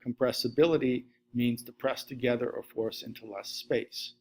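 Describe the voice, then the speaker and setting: Sitting at his desk webcam, a middle-aged man gives a recorded science slide lesson, steadily working through lists; Latvian is his first language. His voice is mid-range and moderately paced, with slight background noise.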